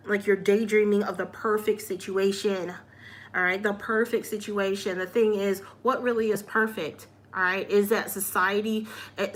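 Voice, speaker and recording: A woman's voice: medium pitch, pushed and bright. Chatty woman giving a tarot reading. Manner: chatty, repeats "all right?" often; upbeat and encouraging. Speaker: tarot reader.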